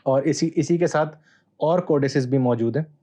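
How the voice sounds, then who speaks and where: A man, a Bible scholar guest, explaining texts in a measured, teacherly way with hesitant pauses. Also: fairly high pitch, dark tone. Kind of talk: explanatory interview answer.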